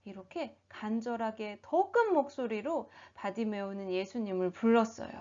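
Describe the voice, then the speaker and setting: A woman telling a Bible story as a children's sermon, expressive and animated, asking the listeners questions. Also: a little high, moderate pace. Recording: dull lo-fi recording.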